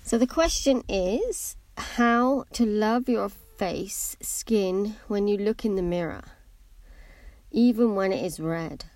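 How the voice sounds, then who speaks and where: Speaking slowly yet animatedly in a mid-range, slightly mellow voice with no room sound, a middle-aged woman reflects candidly on her life for her podcast. She meanders and hesitates, and her braces now and then make her pronunciation imprecise.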